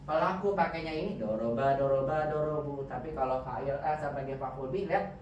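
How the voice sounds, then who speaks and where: A man's voice: mid-range voice, brisk, darkish tone, a little hiss or hum. A man teaching Arabic grammar in a classroom, quizzing his students with frequent questions. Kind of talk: classroom lesson. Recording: echoey room, distant dull mic.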